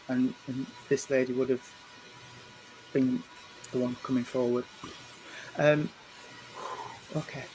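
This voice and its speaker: A man, working as a medium and giving a spirit reading at a church service. He speaks gently and reassuringly, often stumbling over and repeating his words. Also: medium pitch, a little hiss or hum, rough recording. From England. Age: 50s. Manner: hesitant, repeats and restarts words.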